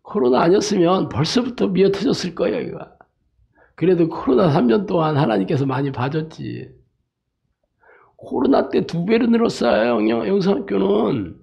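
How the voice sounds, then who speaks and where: Male pastor preaching, emphatic and anecdotal, gravelly voice with a wide, swinging pitch. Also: lively intonation, normal speed, a little mellow. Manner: emphatic, frequent rhetorical "eh?" tags; tells jokes and anecdotes. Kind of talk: sermon.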